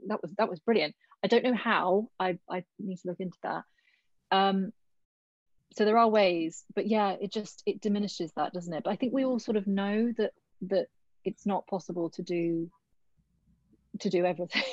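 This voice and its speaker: A casting director gives actors thoughtful, chatty advice during a workshop held over a video call, thinking aloud as she goes. Her mid-range voice is a little mellow, with no room sound and dull, lo-fi call audio.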